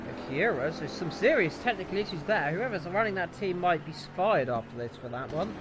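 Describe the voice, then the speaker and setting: Male motorsport commentator, high voice, widely swinging intonation, excitable play-by-play, engine noise behind. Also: a little fast. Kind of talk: live motorsport race commentary. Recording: noisy, car engine sound behind.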